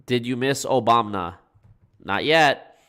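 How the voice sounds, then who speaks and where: Congested and blocked-nosed, a man chats with his livestream viewers in an informal way, cursing and saying "y'all." He speaks slowly in an animated, medium-pitched voice that's a bit bright.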